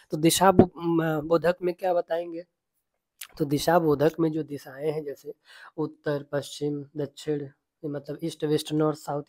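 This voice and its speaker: A man's voice: fairly high pitch, a little mellow. A man teaching a grammar lecture, patiently listing examples one by one and checking in with the class. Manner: patient, repetitive explaining tone.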